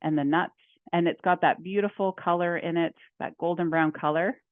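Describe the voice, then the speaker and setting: A woman's voice: lowish voice, steady tone, normal speed, no room sound. A woman home economist giving a chatty cooking demonstration, talking through each step as she works. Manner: chatty, laughs often, talks through her steps. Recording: dry tinny phone-like audio.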